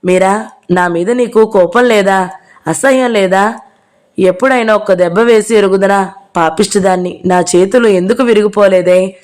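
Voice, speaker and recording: A distraught middle-aged mother, read by a woman narrator, pleading and scolding through her tears in an audio novel. The voice sits at a middle pitch. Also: moderate pace, darkish tone, natural voice. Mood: remorseful. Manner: pleading and scolding between sobs.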